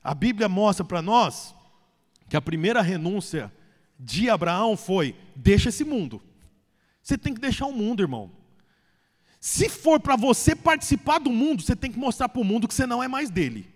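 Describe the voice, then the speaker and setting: Brazilian pastor, very high male voice, conversational preaching with jokes, long church reverb. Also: big pitch swings, moderate pace. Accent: Brazilian Portuguese. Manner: conversational, joking storyteller who rises to emphatic preaching. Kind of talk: sermon.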